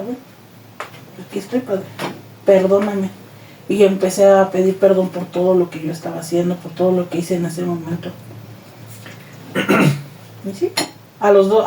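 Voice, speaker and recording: A Mexican woman shares her personal testimony as an interview guest, bringing each quoted exchange to life. Her voice is mellow and dark-toned. It sounds roomy and a bit distant, with faint noise underneath. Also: medium pitch. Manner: animated retelling, acts out quoted dialogue.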